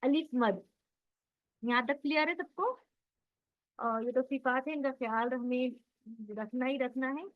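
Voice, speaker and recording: High-voiced woman teaching an online class. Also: highs cut off. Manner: patient, drills sounds slowly and quizzes students. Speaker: Quran recitation teacher.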